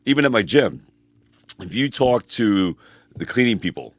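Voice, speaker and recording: A personal trainer co-hosting a podcast chats casually in a lowish, sing-song voice with no room sound. He talks fast and rambles, dropping "freaking" and "bro" constantly.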